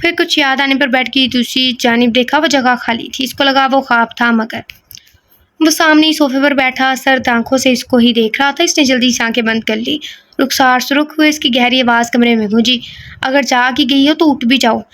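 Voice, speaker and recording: A woman's voice: high-pitched, fairly even intonation, moderate pace, a bit bright. A woman reading a romance novel aloud who breaks off now and then for casual joking asides. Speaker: audio novel narrator.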